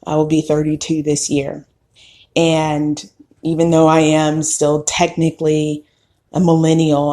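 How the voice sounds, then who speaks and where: Slow, reflective woman in her thirties. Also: low-pitched. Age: 30s. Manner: slow, reflective, candid with occasional soft laughs. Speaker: podcast host. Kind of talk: personal storytelling monologue.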